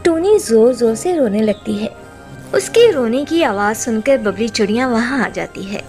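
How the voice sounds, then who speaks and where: A woman narrating a children's cartoon story in an expressive, gentle way. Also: on the high side, moderate pace, faint music behind.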